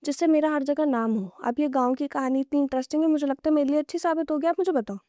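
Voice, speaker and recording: A woman's voice: high voice, steady tone, quick pace, mellow, no room sound, studio quality, close to an everyday voice. A woman quoting an ambitious young male journalist who pleads and coaxes to get his story, in her own storytelling voice. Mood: coaxing. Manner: eager, coaxing.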